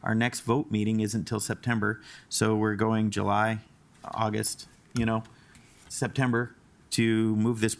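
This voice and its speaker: A man speaks at a town commission meeting with a low, gravelly voice. He keeps his pitch flat. He makes his case bluntly and emphatically. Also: a little slow. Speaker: town commissioner, former mayor. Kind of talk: meeting debate.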